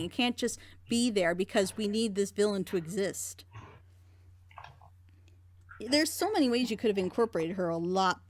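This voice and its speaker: At a medium pitch, the woman continues her casual, opinionated reaction-show commentary on an animated series, going into her critique at length.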